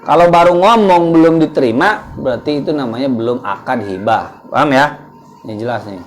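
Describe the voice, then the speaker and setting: A man's voice: medium pitch, fairly quick, slight background noise. A man giving a casual religious lesson at a home gathering, talking in a conversational way and quizzing his listeners with questions. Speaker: ustaz teaching a religious study group.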